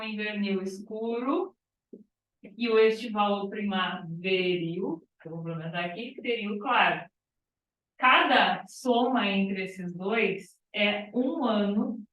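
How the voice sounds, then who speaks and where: A woman's voice: mid-range voice, slow, lo-fi sound. A female biology teacher lecturing a class, explaining step by step and checking in with "tá?". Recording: echoey classroom, far from mic.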